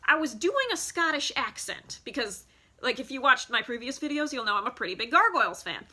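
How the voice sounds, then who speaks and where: Bright, chatty woman in her thirties. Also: high voice, expressive, brisk. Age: 30s. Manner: rambling, chatty, many fillers and restarts. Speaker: vlogger. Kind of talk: casual nostalgic show-and-tell. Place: home basement. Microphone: phone.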